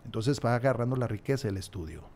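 A man's voice: medium pitch, expressive, fast, darkish tone, a little hiss or hum. Older man explaining at length. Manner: expansive storyteller, acts out dialogue, repeats for emphasis. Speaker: podcast guest, entrepreneur. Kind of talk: casual conversational interview. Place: small studio room with wood walls. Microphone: large studio mic on a stand, headphones.

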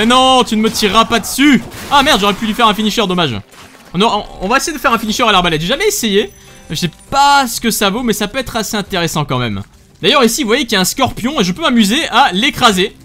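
A man commentating his own game as he plays, excitable, swearing, laughing and yelping loudly. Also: high voice. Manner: excitable, swears and laughs often, loud yelps. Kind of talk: let's play commentary.

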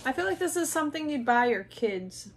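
With a high-sitting, animated voice and a fairly quick pace, a woman in her thirties from the United States enthusiastically reviews snacks alongside a co-host, chatting as she eats. The casual tasting takes place indoors in front of a glitter backdrop, and the recording has a little hiss or hum.

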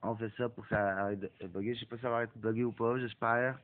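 A young gaming YouTuber with a Québécois French accent and a cold gives casual commentary on a mobile racing game, swearing and then apologizing for it. His medium-pitched voice moves at a quick pace with fairly even intonation. The audio is phone-like and lo-fi, with faint hiss.

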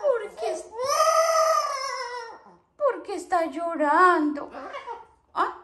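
A woman's voice: very high-pitched, lively intonation, very slow, shouting, very noisy. A woman talking playful baby talk to her pet parrots, cooing and often laughing.

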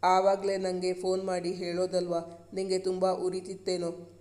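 A man reading the part of a caring young husband in a storybook, speaking softly and earnestly. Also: high voice, monotone, moderate pace, lightly acted. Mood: tender, reassuring. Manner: soft, soothing and earnest. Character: caring protective young husband, gentle but firm.

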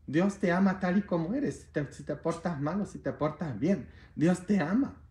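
A man preaching a sermon as a priest, playful and animated, with bursts of shouting. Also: fairly high pitch, normal speed. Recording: roomy echo.

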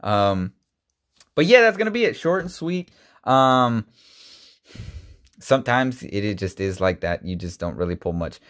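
A man's voice: sing-song, measured pace, long pauses, a bit bright. Chatty man rambling over card packs. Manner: chatty and rambling, many ums and restarts, rises high when surprised. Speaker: YouTuber opening card packs. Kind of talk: casual card-opening vlog. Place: indoor room, seen on webcam.

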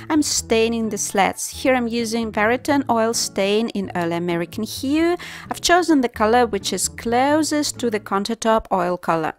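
Woman narrating a home DIY vlog. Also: on the high side. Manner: plain, practical step-by-step explaining. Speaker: DIY channel host. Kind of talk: voice-over narration of a home renovation.

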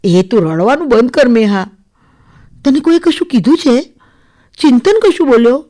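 A woman voicing an excitable, chatty young female friend on the phone, who slips English words into her talk. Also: fairly high pitch, normal speed, voice pushed up, close to an everyday voice. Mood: excited. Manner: bubbly, excited, mixing in English.

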